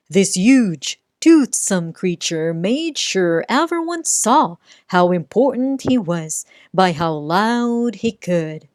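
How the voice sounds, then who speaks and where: Woman storybook reader, slow and sing-song, dry close sound. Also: medium pitch, no echo. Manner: sing-song rhyming delivery with dramatic pauses. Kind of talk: children's read-aloud narration.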